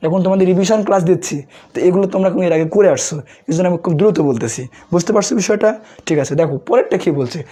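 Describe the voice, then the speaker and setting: A young male tutor from Bangladesh teaches a revision math class with a sore throat. His voice is husky and dark, and he talks fast, firing questions at his students and answering them himself. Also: sits high.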